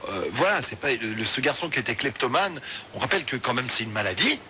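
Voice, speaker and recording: A man's voice: mid-range voice, fast talker. A man hosting a late-night call-in radio show, joking and loose with the callers. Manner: lively, joking, apologetic asides. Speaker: radio host. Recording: radio broadcast with light noise.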